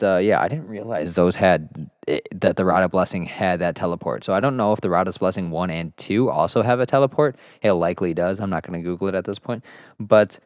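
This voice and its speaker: A man's voice: sits low, smooth, no room sound, studio quality. A man talking casually over his gameplay footage, laid-back and rambling, swearing freely as he recounts his game. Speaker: gaming channel host.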